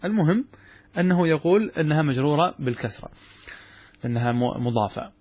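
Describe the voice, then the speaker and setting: A man's voice: a little high, animated, a little mellow, husky. A man, a sheikh, giving a grammar lesson, explaining step by step and often checking that his students follow. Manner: explains step by step, checks understanding with quick questions. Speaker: sheikh teaching Arabic grammar. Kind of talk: classroom lecture.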